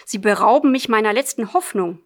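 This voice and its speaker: A woman's voice: on the high side, expressive, brisk, close to an everyday voice. A woman reading an audiobook, voicing a grief-stricken nun who tearfully begs a priest. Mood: pleading. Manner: tearful, imploring.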